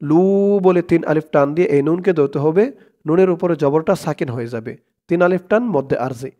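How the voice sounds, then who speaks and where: A man teaching Quran recitation, spelling out each word and chanting the verses in long drawn-out tones. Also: on the high side, dark tone, lo-fi sound. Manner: slow drawn-out chanting of verses between plain explanations.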